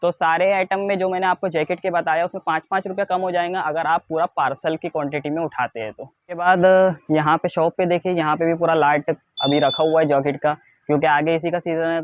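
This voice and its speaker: An Indian man giving a product showcase as a wholesale seller, in a repetitive, insistent sales pitch that stresses low prices. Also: steady tone, fairly quick, no echo, lo-fi sound. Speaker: wholesale clothing seller presenting stock.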